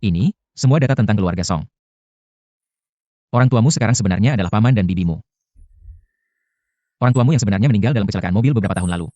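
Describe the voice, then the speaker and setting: Brief: curt rich CEO, played by a man, very fast, dark and low. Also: no room sound, close to an everyday voice. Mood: firm. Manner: curt, commanding. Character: cold rich male CEO, protective. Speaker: lead actor. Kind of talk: dubbed short drama.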